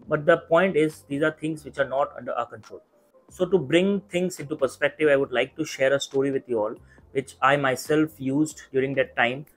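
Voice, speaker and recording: A young adult man with an Indian accent giving earnest, measured and reassuring advice straight to camera. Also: mid-range voice, poor audio. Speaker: YouTube mentor for medical exam students. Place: small indoor study room. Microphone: clip-on lapel mic.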